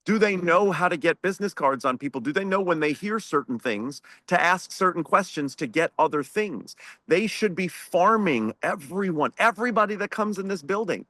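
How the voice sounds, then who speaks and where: A man's voice: high-pitched, expressive, normal speed, sharp tone, no echo. A man speaking on a video-call webinar panel as a franchise owner, emphatic and preachy, firing off rhetorical questions.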